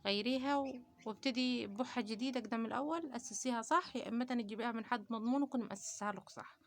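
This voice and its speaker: A woman's voice: on the high side, rapid-fire. A woman from Upper Egypt with an Upper Egyptian Arabic accent, hosting a casual home vlog about keeping poultry. She talks to viewers directly, gives advice and uses many pious phrases. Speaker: poultry-keeping channel host.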